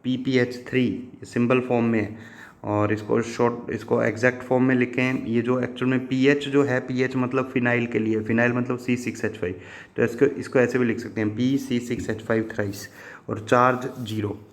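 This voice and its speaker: A man's voice: mid-range voice, flat delivery, normal speed. A man teaching chemistry in a patient, repetitive way, asking questions and answering them himself and addressing his students fondly as children. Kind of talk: classroom lesson explanation.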